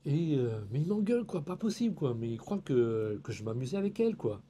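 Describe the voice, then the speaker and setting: A young man from France telling a personal story in a casual, animated way, acting out the dialogue and dropping in Japanese phrases. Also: medium pitch, fairly quick, slight background noise.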